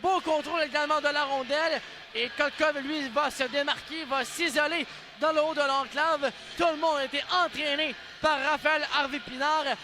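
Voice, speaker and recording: High-pitched Quebec man, excited hockey commentary. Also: moderate pace, noisy background. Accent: Quebec French. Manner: urgent calls that burst into shouts on shots and goals. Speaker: ice hockey play-by-play commentator. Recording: loud arena crowd and music behind. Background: cheering crowd and arena music.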